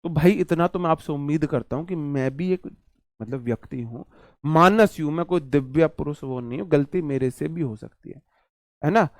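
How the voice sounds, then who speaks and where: A male teacher gives an online exam-prep lesson, his voice a touch higher than most men's. He talks in a chatty, repetitive way, drilling key words and throwing in joking asides. The sound is close and dry, with no room echo. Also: moderate pace.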